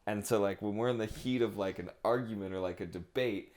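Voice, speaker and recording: A young man with a very deep voice talks casually and openly about his feelings, rambling and leaning on filler words as he chats with his partner on a podcast. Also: a little fast, darkish tone. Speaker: podcast co-host.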